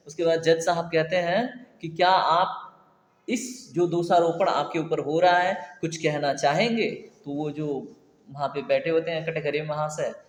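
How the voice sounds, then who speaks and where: Echoey chatty male Hindi tutor. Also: a little high. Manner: chatty teacher, keeps asking "ठीक है?" and quizzing viewers. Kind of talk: online exam-prep lesson. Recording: echoey room with long reverb.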